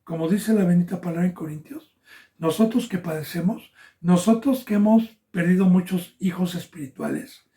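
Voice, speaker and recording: A male pastor from Mexico preaching a Bible sermon, swelling loud when he quotes scripture and dropping almost to a whisper between. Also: high voice, normal speed.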